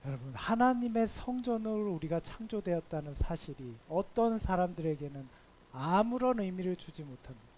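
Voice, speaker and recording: Korean pastor guy, fairly high voice, lively storyteller, punches key words in his sermon. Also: normal speed. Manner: lively storytelling, acts out dialogue, emphatic swells. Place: church service.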